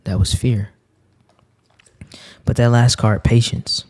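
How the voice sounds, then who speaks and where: A man's voice: medium pitch, steady tone, takes it slowly, a little mellow. A man giving an earnest spiritual talk while reading cards, repeating phrases for emphasis.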